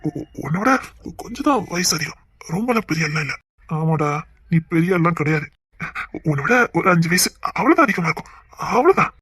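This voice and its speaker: Brief: woman playing a sly older man for an audio drama, wheedling, very husky, dry close sound. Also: fairly low pitch, big pitch swings, a little fast, a bit bright, dry recording, heavily acted. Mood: teasing. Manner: coaxing, wheedling, stammering. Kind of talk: Tamil audio drama acting.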